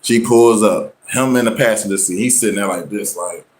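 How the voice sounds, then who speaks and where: A man hosting his own show, telling a personal story in loose, slangy casual talk. He acts out the people he quotes with sudden jumps in pitch. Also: normal speed. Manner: slangy, loose, full of "you know what I'm saying". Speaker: show host.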